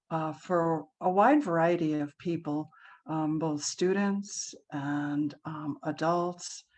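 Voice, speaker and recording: Low-voiced lady guiding a relaxation session, slow and soothing, some ums. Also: a little mellow. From Hawaii. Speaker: meditation guide. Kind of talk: guided relaxation class.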